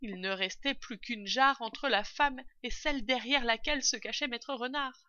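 A woman narrating a children's audiobook in a calm, even storytelling manner. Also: a little high, moderate pace, no room sound. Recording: dull lo-fi recording.

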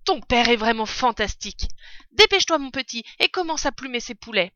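A woman's voice: on the high side, expressive, a little fast, highs cut off, a little hiss or hum. A woman voicing a weak, starving mother fox who speaks with tender exclamations. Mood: relieved. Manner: faint, then warm and exclaiming.

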